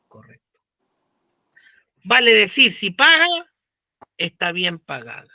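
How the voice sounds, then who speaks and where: A man's voice: extremely high pitch, bright, forceful tone, dry recording, dull audio. A man with a Chilean accent teaching law, talking casually with slang and asking the class questions. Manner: conversational, uses slang and rhetorical questions. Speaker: law professor. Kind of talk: lecture.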